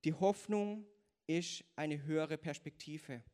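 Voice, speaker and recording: A male pastor with a notably high-pitched voice delivers a sermon. He talks earnestly and presses his point through rows of repeated rhetorical questions. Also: slow pace, a little mellow, clear, resonant tone.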